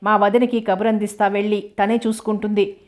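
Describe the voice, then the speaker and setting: A woman's voice: medium pitch, level tone, a little fast, darkish tone, natural voice. A woman voicing a sick, petulant young man.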